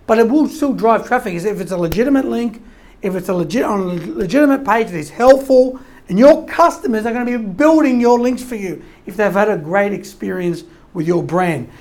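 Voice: medium pitch, expressive, a little fast, darkish tone. An SEO consultant giving an informal explanatory talk, rambling with frequent restarts and "right?" tags, voice wearing thin from talking long.

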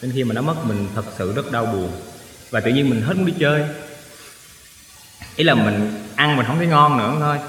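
A man's voice: medium pitch, normal speed, pauses often, a bit bright. A male singer chatting as a guest, earnest and talkative, often stopping to fix a word he has just used. His voice sits in the middle range. The recording is roomy, with a long hall reverb trailing each phrase. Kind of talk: casual chat.

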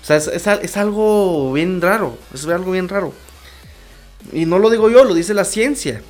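A man's voice: high-pitched, animated, normal speed, faint music behind. A man with a Mexican accent in a casual comedic monologue, crude and rambling, swearing constantly, jumping between topics and laughing at his own jokes.

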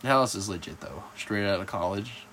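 A man's voice: fairly low pitch, a little fast, fairly bright tone, slight background noise. A teenage boy chatting casually, telling stories full of swearing, laughter and quoted teachers. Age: teens. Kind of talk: casual chat.

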